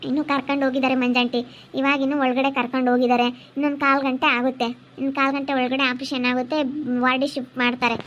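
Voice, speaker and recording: Give me a woman as a soothing relative, quick and high. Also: flat delivery, fairly bright tone. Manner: soothing, placating. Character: calm female relative, peacemaker at hospital. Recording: dull, slightly noisy recording.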